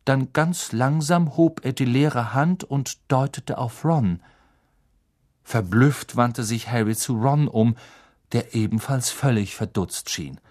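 A man narrating a novel as an audiobook in a dramatic, deliberate reading. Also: medium pitch, darkish tone.

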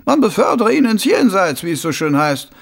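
A sly, plotting city lord, as a male reader puts him on, lifted well above the reader's own voice and louder, his words stretched out and oily. The voice keeps a gravelly, husky edge and bounces across a wide range, with an audiobook feel. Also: sits high, big pitch swings, normal speed, voice pushed up, exaggerated voice. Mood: scheming.

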